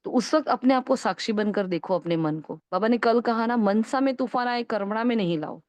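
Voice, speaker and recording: A woman's voice: fairly high pitch, fairly quick, darkish tone, no echo. A woman spiritual teacher giving an earnest, coaxing talk and answering a question, often asking "right?" to check on her listeners.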